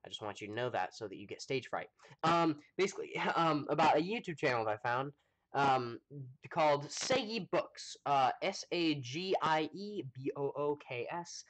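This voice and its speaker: A man with an American accent chatting casually to viewers during a live game stream, rambling with lots of fillers and pausing to eat. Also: on the high side, animated, fairly bright tone. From United States. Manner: rambling, chatty, full of fillers, talks while eating. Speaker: livestreamer playing a space game.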